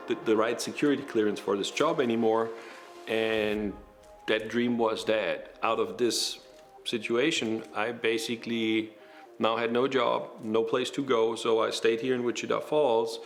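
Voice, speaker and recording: A man in his forties with a German accent, telling his story in a documentary interview, measured and pausing with fillers. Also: medium pitch, vocal fry. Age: 40s. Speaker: pilot and flight school owner.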